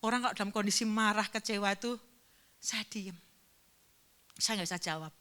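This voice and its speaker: At a church service, a woman pastor shares an emotional personal story in her sermon, shifting between fervent and hushed tones. She speaks at medium pitch and normal speed with a clean tone.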